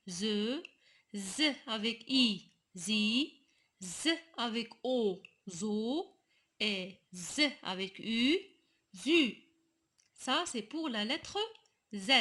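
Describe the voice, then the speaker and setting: Bright, slow-speaking woman explaining a rule. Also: on the high side. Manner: slow, explanatory, addressing the children directly. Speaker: teacher. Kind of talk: explaining a spelling rule to young children.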